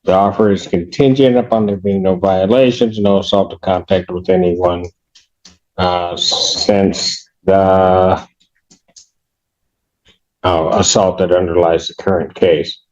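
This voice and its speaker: A man serving as judge, speaking in a measured, formal way through court proceedings, heard in a courtroom recording. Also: low-pitched, fairly even intonation, a little mellow. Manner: measured, formal, reads plea terms aloud. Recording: muffled courtroom recording with faint clicks.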